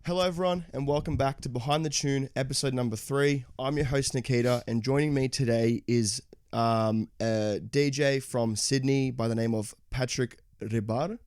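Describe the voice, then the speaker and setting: A man's voice: mid-range voice, fairly even intonation, moderate pace, few pauses, darkish tone, no room sound. Male podcast host, dry close sound. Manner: hesitant, many "sort of" fillers. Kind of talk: casual podcast interview.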